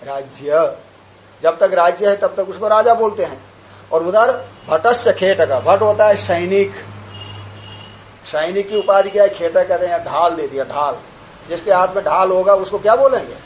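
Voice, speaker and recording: An older man, a swami, giving a spiritual discourse on scripture, chanting verses slowly, then explaining them with rhetorical questions and examples. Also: high-pitched, a little hiss or hum, poor audio.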